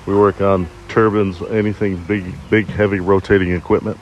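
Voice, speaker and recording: A man's voice: deep voice, level tone, moderate pace, highs cut off, a little hiss or hum. A man in his fifties from Arizona, giving plain, short answers in a casual interview at a campground. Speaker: interview guest. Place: campground outdoors.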